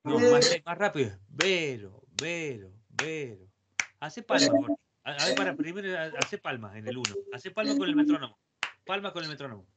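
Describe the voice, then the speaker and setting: Argentine guitar teacher chanting rhythm syllables. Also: male voice, a little high, sing-song, fairly quick, a loud crowd. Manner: coaching, counting rhythms aloud with repeated syllables. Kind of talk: online music lesson. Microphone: video call. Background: guitar playing.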